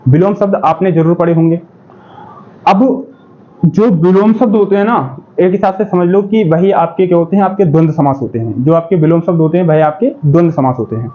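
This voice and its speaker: Male exam-prep tutor, high voice, drilling by call and answer, dull lo-fi recording. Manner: repeats questions and answers them himself, says "ठीक है" often. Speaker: exam-prep Hindi teacher. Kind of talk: classroom-style lesson. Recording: dull lo-fi sound.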